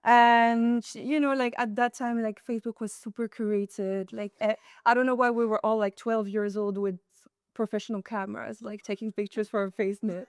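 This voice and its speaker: A woman's voice: a little high, little pitch movement, moderate pace, clean tone, no echo, clean studio sound. A woman in her twenties from Morocco, chatting casually as a guest, laughing often and filling with "like". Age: 20s. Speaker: guest, event co-founder. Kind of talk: casual chat.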